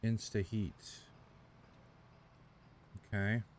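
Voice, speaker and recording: A man's voice: fairly low pitch, flat delivery, extremely slow, a little hiss or hum. A man commenting casually on a game as he plays, with wry, sarcastic asides. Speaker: gamer playing and commenting.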